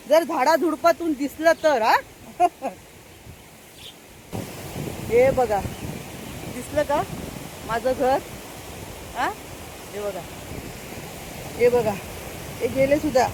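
An older woman with a high voice speaks slowly, with long pauses, against a noisy background. A farm vlogger, she chats casually with her viewers outdoors on a rural farm path, often speaking to them and laughing now and then.

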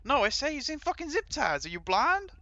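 A man's voice: very high-pitched, big pitch swings, a little fast, pushed and bright, dry recording, lo-fi sound, full character voice. A man playing a hot-tempered, cocky Mexican bank robber in a video game role-play, with a Latin American accent and swaggering gangster slang. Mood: indignant.

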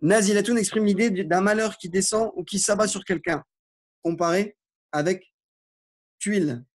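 Guy teaching arabic online, reads phrases slow then explains in french, voice a bit high. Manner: informal, reassuring explanations. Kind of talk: online language lesson.

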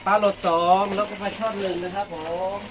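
A man's voice: high-pitched, little pitch movement, fast, background noise. A man, chatting casually while packing orders in front of a coffee shop, tacking polite particles onto every phrase. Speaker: vlogger packing orders for fans. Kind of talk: casual live vlog narration.

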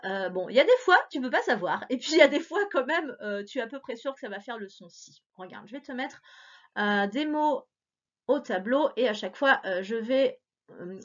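A woman teacher giving a remote reading lesson to young children, sounding out words syllable by syllable in a patient, encouraging way. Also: a little high. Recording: dull lo-fi recording.

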